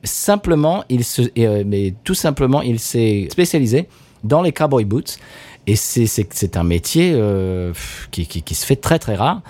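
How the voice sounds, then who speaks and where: A man's voice: mid-range voice, big pitch swings, a little slow, warm tone. A man hosting a podcast, chatting casually to listeners with many hesitations and a playful tone. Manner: hesitant with frequent "euh", playful. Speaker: podcast host.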